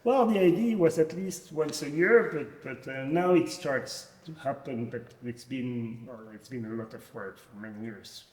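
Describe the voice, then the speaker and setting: A man's voice: mid-range voice, moderate pace, hardly any pauses, darkish tone. Hesitant Belgian man in echoey hall. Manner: hesitant, many fillers and restarts. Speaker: fintech founder, guest. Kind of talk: conference interview. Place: conference venue, echoey hall.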